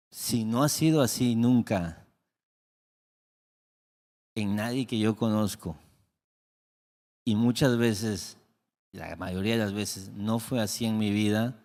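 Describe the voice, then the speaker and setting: A middle-aged man preaching a sermon as pastor, telling a family story, acting out the dialogue and dropping into soft, reflective tones. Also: fairly low pitch. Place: church sanctuary. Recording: long hall reverb.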